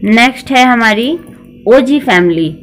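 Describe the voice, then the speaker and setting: A woman's voice: on the high side, animated, measured pace, soft background music. A woman teacher reading word families to children, spelling each word and then saying it.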